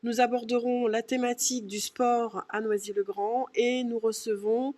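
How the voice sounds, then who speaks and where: Woman hosting a local politics talk show, kinda high voice, formal questions. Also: flat delivery, normal speed, mellow. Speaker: host.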